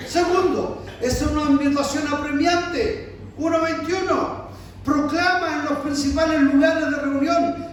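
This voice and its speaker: A man preaching a sermon in a pleading, emphatic way, recorded from a distance in a room. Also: very high-pitched. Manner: emphatic, pleading, acts out God calling softly. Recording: echoey church room from far off, faint noise.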